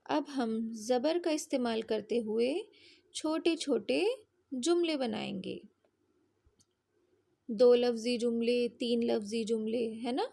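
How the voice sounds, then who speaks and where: A high-pitched woman teaches young children at an unhurried pace. She patiently spells out sounds in drills and keeps asking if they follow. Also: creaky, mellow. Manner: patient, drawn-out spelling drills with frequent check-ins. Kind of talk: slow children's lesson.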